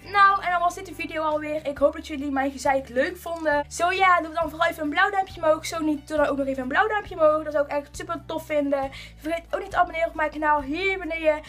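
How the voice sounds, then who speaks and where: A woman's voice: high-pitched, quick pace, hardly any pauses, faint music behind. A teenage girl vlogging in a casual rant, mocking and acting out the people she complains about. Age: teens. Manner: animated, mocking, acts out quoted people. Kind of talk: casual ranting vlog.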